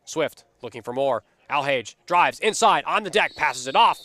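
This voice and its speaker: A man calling a lacrosse game live from a commentary booth, steady and energetic, lifting on big plays. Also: fairly high pitch, normal speed. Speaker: play-by-play commentator.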